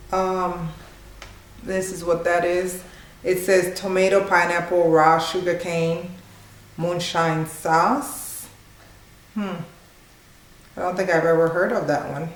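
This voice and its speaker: A cooking channel host of Haitian background, a woman in her thirties, chats informally through an unboxing vlog in her small living room, exclaiming with delight. Her voice sits on the low side with fairly even intonation, and she speaks slowly with long pauses. The room is echoey, and background noise comes through clearly.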